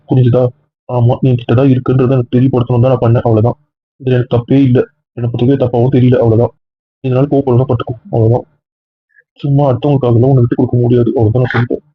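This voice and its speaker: A man playing a headstrong young husband in an amateur audio drama, insistent and protective, with a husky voice. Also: mid-range voice, racing, no echo, close to an everyday voice. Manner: insistent, keeps ending points with a flat final word. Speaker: husband character. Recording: tinny phone-like dry recording.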